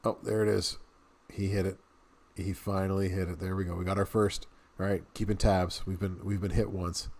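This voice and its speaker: A man's voice: sits low, little pitch movement, moderate pace, hardly any pauses, a little mellow. A man in his thirties, a game streamer, chatting casually to viewers and laughing often as he plays. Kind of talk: casual gameplay commentary.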